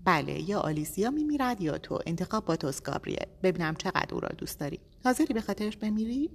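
A woman voicing a male captor who speaks calmly and without emotion. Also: mid-range voice, vocal fry, pitched above the performer's own voice. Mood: cold. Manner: calm, emotionless, controlled. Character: cold, controlled male captor. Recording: long echoey reverb.

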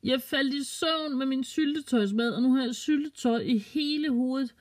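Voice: high-pitched, pitched above the performer's own voice, close to an everyday voice. The narrator doing a giggly little girl. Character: cheerful young girl, giggly and playful.

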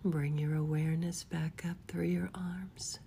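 Female meditation guide, soft spa-style whisper, mellow and flat in pitch, gentle and unhurried. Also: creaky, a little hiss or hum. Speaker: guided relaxation leader.

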